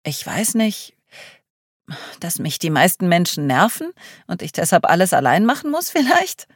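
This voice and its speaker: A woman's voice: lowish voice, very animated, moderate pace, no echo, clean studio sound. A woman reading the part of a blunt, gloomy young woman who keeps to herself, with a sarcastic, grumbling manner.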